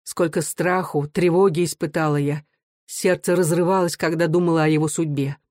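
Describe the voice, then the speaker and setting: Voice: mid-range voice, fairly even intonation, moderate pace, a little mellow, no room sound, natural voice. Older mother in an audiobook, sorrowful and confiding, read by the narrator, dry close sound. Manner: earnest, confiding. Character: kind weary older mother, pouring her heart out.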